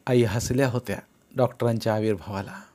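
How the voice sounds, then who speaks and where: A man reading a novel aloud as an audiobook narrator, in a steady storytelling manner that lifts slightly for quoted speech. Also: medium pitch, brisk.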